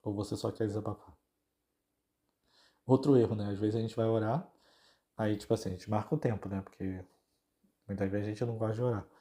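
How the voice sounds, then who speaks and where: This podcast host, a man with a Brazilian Portuguese accent, has a low, dark voice and fairly even intonation, talking fairly quickly but with long pauses. His devotional show is casual and conversational, and he addresses his audience directly.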